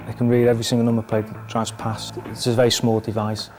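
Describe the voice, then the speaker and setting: A man police officer calmly explaining methods in an interview. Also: lowish voice, fast, faint music behind. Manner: calm, explanatory.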